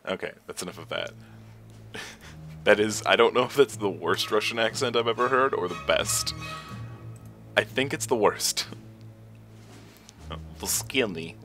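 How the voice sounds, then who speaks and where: Young guy talking through a game, really deep voice but lively, game music behind. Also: measured pace, long pauses. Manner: rambling, thinking aloud, chuckling. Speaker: let's play host. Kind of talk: gameplay commentary.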